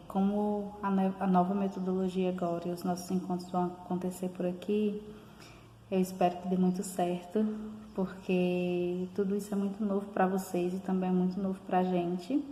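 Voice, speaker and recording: A woman teacher gives a recorded lesson in a middle voice, neither high nor low. She slows down and leans hard on each example word. The room is hard and echoey, with a long reverb trailing after her words. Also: dark tone, a little hiss or hum. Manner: slows and stresses example words, calling them out.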